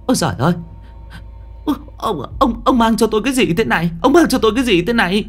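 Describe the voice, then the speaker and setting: A frightened old village woman, as a man puts her on for a ghost story. Her voice jumps high and shrill, and she cries out in panic as faint music plays underneath. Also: wildly swooping pitch, very fast, a bit bright, exaggerated voice. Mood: terrified.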